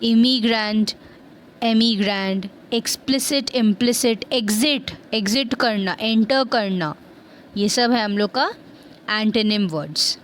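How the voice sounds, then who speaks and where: Woman teacher, high voice, slow and careful, faint room hum behind. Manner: explains in Hindi, slowing right down for English example sentences; checks in with listeners. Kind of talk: vocabulary lesson.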